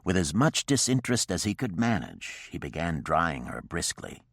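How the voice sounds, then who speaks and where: A man narrating a historical romance audiobook in a steady, even storytelling manner. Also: sits low, normal speed, vocal fry, dry recording, studio quality.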